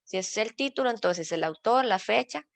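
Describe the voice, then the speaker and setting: A woman leads an online workshop as a librarian, walking through the rules step by step. Her voice carries a gravelly, creaky edge. It is recorded close and dry, with no room sound. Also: mid-range voice, animated, moderate pace, no room sound. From Costa Rica. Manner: patient, explains step by step with slides. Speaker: librarian teaching citation style.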